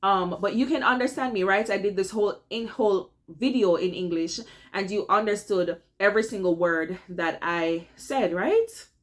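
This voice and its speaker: A young Jamaican woman vlogger shares career tips straight to camera in a casual, relaxed advice video. Her mid-range voice moves at a normal pace with few pauses, and she stays chatty and personal, calling her viewers "guys" and often asking "all right?"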